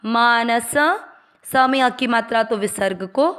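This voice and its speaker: A woman teaching Sanskrit pronunciation, patiently spelling out each syllable and then chanting the verse slowly. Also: on the high side, a bit bright, clear, resonant tone. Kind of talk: slow syllable-by-syllable pronunciation lesson.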